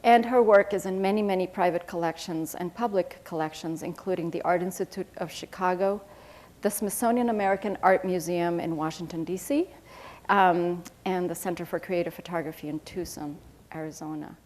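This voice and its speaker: A woman moderating an art panel, reading out artist introductions in a steady, formal way with the odd filler. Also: on the low side, a little fast.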